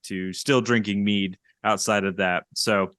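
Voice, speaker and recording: A man talking casually in a relaxed conversation format. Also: fairly low pitch, unhurried, dry recording, clean studio sound. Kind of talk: casual chat.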